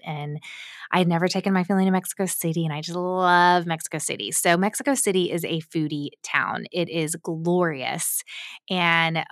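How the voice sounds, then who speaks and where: Low, gravelly-voiced woman host telling a story. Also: dry recording, studio quality. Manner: animated, expressive storytelling with quoted asides. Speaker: podcast host. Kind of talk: storytelling monologue.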